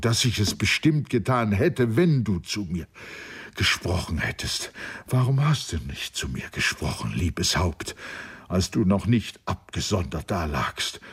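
A man with a husky voice reading a grieving young man's formal lament over a dead friend in a storybook. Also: deep voice, heavily acted. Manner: sobbing lament, solemn and formal.

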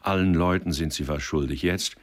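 A man's voice: low voice, normal speed, natural voice. A man voicing a blunt, matter-of-fact inn waiter.

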